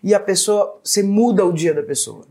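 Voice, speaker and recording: A woman's voice: mid-range voice, fairly quick, breathy edge. A middle-aged woman with a Brazilian accent, a singer telling stories in a casual podcast chat, acting out the voices of the people she quotes and often tagging her lines with "né" and "assim". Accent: Brazilian Portuguese. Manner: animated, acts out quoted dialogue, frequent "né" and "assim". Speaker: guest singer.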